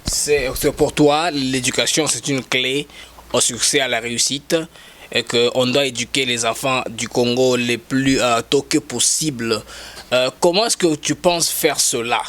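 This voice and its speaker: A man's voice: medium pitch, fairly even intonation, measured pace, a bit bright. A man interviewing pageant contestants in a casual way, often repeating and rephrasing his questions.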